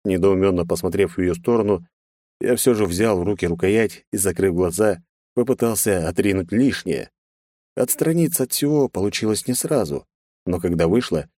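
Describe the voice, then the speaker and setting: A man narrating a first-person fantasy story in an even, storytelling manner. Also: low-pitched, dry recording, clean studio sound. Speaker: audiobook narrator.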